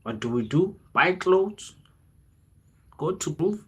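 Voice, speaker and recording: Animated but slow-paced, a young South African livestreamer speaks in a husky, slightly bright voice that sits a little high. As a content creator he chats informally and rambles motivationally, using plenty of slang, repeating himself for emphasis and slipping into local languages.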